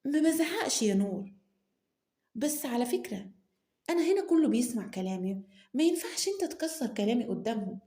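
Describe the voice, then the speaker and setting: A woman's voice: a little high, big pitch swings, brisk, pauses often, warm tone, roomy sound, voice pushed up. A woman with an Egyptian accent voicing a proud, bossy young male businessman who scolds himself under his breath. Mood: stern, commanding. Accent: Egyptian Arabic. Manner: self-scolding muttering, sudden mutters under breath.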